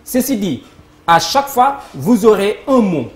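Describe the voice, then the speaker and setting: Her voice is medium in pitch, a little slow, and swings widely up and down as she hosts a live TV word game. Upbeat and announcer-like, she welcomes viewers and prompts applause; the studio sounds echoey, with faint noise.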